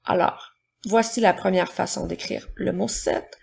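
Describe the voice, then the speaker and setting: A woman teacher with a husky, slightly gravelly voice reads words aloud at an unhurried pace for a children's dictation. She explains each step with patience, as if to first graders. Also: medium pitch, fairly even intonation, a little mellow. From Quebec, Canada. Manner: slow, patient, explaining step by step to young pupils. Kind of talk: recorded spelling and dictation lesson for children.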